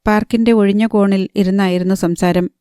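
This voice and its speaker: A woman narrating a novel with an even, measured reading on a close microphone. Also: mid-range voice, clear, resonant tone, dry recording. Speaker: audiobook narrator.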